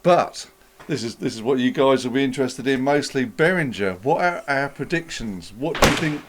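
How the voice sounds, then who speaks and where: Man, mid pitch, steady, explanatory, casual co-host. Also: moderate pace. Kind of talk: casual chat about music gear.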